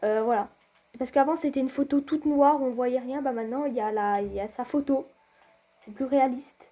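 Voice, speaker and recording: A young woman who makes gaming videos rambles through casual commentary, addressing viewers directly with plenty of fillers and hesitations. Her voice is high and fairly quick, and the highs are cut off.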